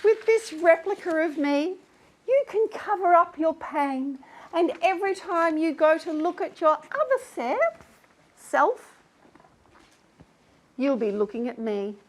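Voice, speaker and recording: A vain, self-adoring talk-show host, as a woman acts her out, with a high, sugary voice that drags out each phrase. She gushes and pities herself in a grand, theatrical way for comic effect. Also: animated, measured pace, long pauses. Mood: mock-tearful. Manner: theatrical, syrupy and self-pitying. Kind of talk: comic sketch acting.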